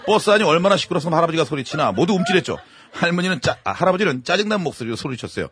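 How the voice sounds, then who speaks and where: A male radio host reading a listener's story aloud in a lively, comic way. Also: a little high, rapid-fire, breathy edge.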